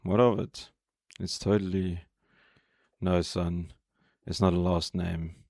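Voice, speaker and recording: A man voicing a terse, mysterious male hunter who talks in a low, muttering way. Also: flat delivery, slow, vocal fry, a little mellow, no room sound, studio quality, exaggerated voice. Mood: gruff, curt.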